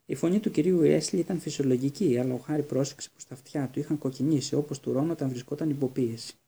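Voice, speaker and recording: A man reading an audiobook aloud with steady, even storytelling. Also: a little high, gravelly, breathy edge. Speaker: audiobook narrator. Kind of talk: audiobook narration.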